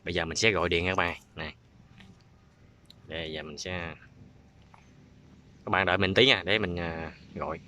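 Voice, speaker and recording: A man's voice: low-pitched, steady tone, normal speed, long pauses, pushed and bright, a little hiss or hum. A man with a Southern Vietnamese accent chatting casually as the host of a prank-call video. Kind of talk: casual vlog chat.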